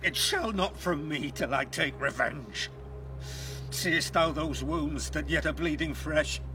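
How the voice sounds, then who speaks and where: A man's voice: on the high side, takes it slowly, noisy background. An actor playing a grief-stricken aging father who declaims anguished verse over a murder in a classical play. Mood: vengeful.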